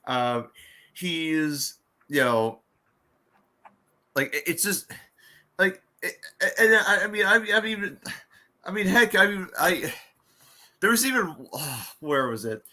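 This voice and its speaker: Man, casual chat, stammers and repeats himself, raised pitch. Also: very animated, takes it slowly, pauses often, sharp tone. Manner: stammering, repeats words, rambling. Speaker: fan voice actor, co-host.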